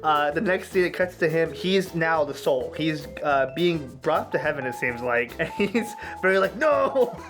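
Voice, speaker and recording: A young man giving a comedic film review in a rambling, deadpan way, breaking into loud character impressions. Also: a little high, moderate pace, hardly any pauses, music in the background.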